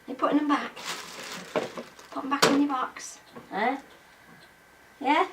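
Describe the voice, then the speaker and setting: Older grandma, sing-song baby talk. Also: female voice, steady tone, roomy sound. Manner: coaxing, high and drawn-out, often dropping to soft murmurs. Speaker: grandmother playing with a toddler. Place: family home, indoors. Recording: distant home-video audio with background noise.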